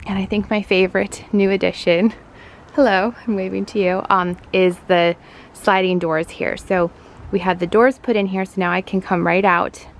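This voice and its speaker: A woman's voice: mid-range voice, level tone, moderate pace, a little hiss or hum. A woman in her thirties chatting casually in a gushing way as she hosts a home tour vlog. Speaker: homemaking vlogger, host. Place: at home, partly outdoors on a deck.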